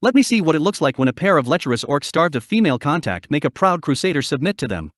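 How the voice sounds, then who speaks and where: A man's voice: on the high side, big pitch swings, fast talker, fairly bright tone, no room sound, studio quality. A man voicing a pompous, solemn male penguin demon in an audiobook reading, with a grandiose, declaiming delivery. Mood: gloating.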